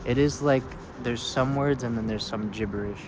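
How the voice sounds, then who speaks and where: A man's voice: mid-range voice, moderate pace, music in the background. A man hosting a paranormal investigation, speaking casually and coaxingly as he addresses spirits and explains what he is doing. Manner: polite, coaxing, addresses the unseen directly. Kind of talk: casual narration and gentle questions to spirits. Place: outdoors at a roadside parking lot grave site. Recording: clear outdoor traffic and ambient noise.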